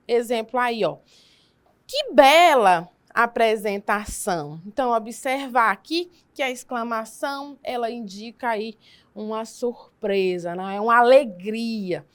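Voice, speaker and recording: A woman's voice: high voice, a bit bright. A woman teacher with a Brazilian Portuguese accent giving a recorded lesson, explaining step by step and often checking in with her listeners.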